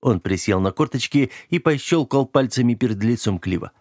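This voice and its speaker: A man reading a novel aloud as an audiobook narrator, in measured, even storytelling. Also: mid-range voice, no room sound, clean studio sound. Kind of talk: scripted narration.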